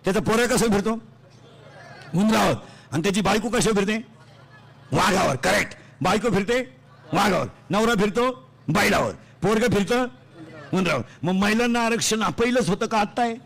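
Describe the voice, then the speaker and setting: A man preaching a comic devotional sermon on a pandal stage into a microphone. He declaims loudly and quizzes the crowd for quick answers. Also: high voice, creaky. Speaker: kirtan preacher.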